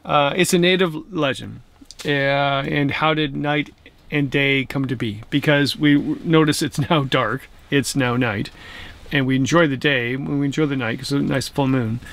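A middle-aged camping vlogger tells a rambling bedtime story inside a tent at night, then talks about a hiking trail outdoors, holding the camera at arm's length. He's an animated, chuckling storyteller, with a medium-pitched, creaky voice at a moderate pace.

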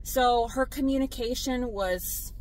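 A woman, a delivery driver vlogging from her car, blunt and animated as she tells her stories. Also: on the high side, slow, low-quality recording. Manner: exasperated, blunt, animated storytelling. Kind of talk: casual vlog venting to viewers.

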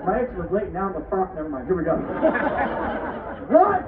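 A man's voice: high voice, very fast. A man performing comedic live stage patter, projecting cheeky banter to volunteers and audience at an outdoor show. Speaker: street performer, unicycle stunt comedian. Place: outdoor wooden stage in woods at a fair. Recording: distant, tinny, echoey crowd phone video. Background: noisy outdoor audience.

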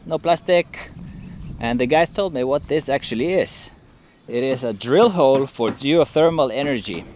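A young man vlogging with a handheld camera outdoors, talking in a chatty, excitable way and laughing often. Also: medium pitch. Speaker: travel vlogger. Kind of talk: casual travel vlog narration. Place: outdoors in rural hills and an open-air bamboo restaurant. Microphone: handheld action camera at arm's length.

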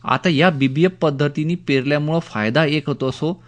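Male radio expert, slightly high pitch, instructive, repeats key points. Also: normal speed. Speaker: agricultural expert guest on a radio phone-in. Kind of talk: spoken explanatory advice on radio.

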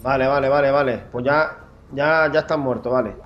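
A young man chatting casually while playing a co-op game, swearing and calling out quick instructions. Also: medium pitch, fairly even intonation, dull audio, a little hiss or hum. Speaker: gameplay co-host. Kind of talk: casual co-op gameplay chat.

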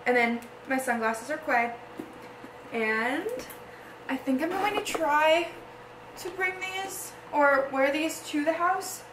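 Bubbly college-age female vlogger, sorority-girl chattiness, higher-pitched voice, roomy sound. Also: slow, recorded from a distance. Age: early 20s. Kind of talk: casual get-ready-with-me vlog chat. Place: small echoey rooms in an apartment and house. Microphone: handheld or propped vlog camera. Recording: roomy echo, faint background noise.

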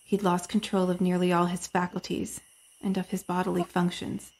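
A woman narrating a dramatic horror story from a script, often dropping into hushed whispers. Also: on the low side, little pitch movement, moderate pace.

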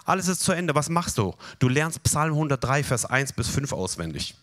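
A man preaching a sermon with animated delivery, leading the congregation through slow recitation of scripture. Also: a little high.

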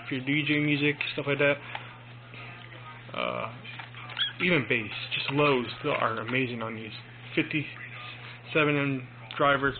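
Tinny phone-video young man, casual and rambling. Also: a little high. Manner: rambling, halting, informal. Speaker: amateur headphone reviewer. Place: small domestic room, indoors. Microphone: handheld phone mic. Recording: tinny phone recording with clear noise.

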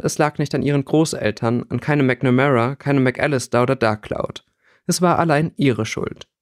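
A man narrating a fan fiction audiobook in steady storytelling. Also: medium pitch, dry recording, studio quality. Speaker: audiobook reader. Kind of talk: scripted narration.

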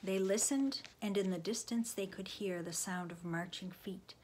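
A woman reading a children's book aloud, expressive, often dropping into a hushed whisper. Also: medium pitch, normal speed, a little hiss or hum. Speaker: storybook reader.

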